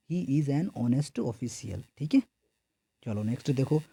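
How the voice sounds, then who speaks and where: A man's voice: mid-range voice, warm tone, no room sound. A man from India teaching an exam preparation grammar lesson. He keeps asking his own questions and answering them, and he repeats each answer several times. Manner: repetitive call-and-response questioning.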